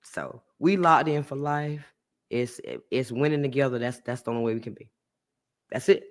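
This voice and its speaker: A woman hosting a podcast, chatting warmly and casually with a guest and her listeners, laughing often. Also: very deep voice, normal speed. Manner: animated, laughs often, talks to listeners as y'all. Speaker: podcast host. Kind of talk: casual heartfelt chat.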